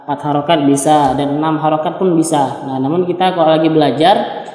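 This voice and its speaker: A man with an Indonesian accent teaching Quran recitation, explaining the rules and chanting slow, drawn-out examples. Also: a little high, steady tone, a little mellow. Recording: echoey room with long reverb.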